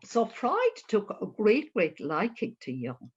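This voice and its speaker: An older Irish woman speaks in an informal lecture style at a medium pitch. She feels her way through each thought, halting and repeating words. The sound is slightly dull and lo-fi. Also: very animated, slightly rough. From Ireland. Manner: halting, searching for words with repetitions. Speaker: speaker on myth and Jungian psychology. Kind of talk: informal lecture, unscripted storytelling of ideas.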